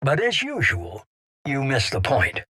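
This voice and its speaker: A shadowy game mastermind in middle age, with a husky voice that swings widely in pitch. He is cold and calculating, giving orders with deliberate authority. The sound is close and dry. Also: huge pitch swings, bright, forceful tone, no echo, exaggerated voice. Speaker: head of a secret organisation. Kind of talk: dramatic video game voice acting.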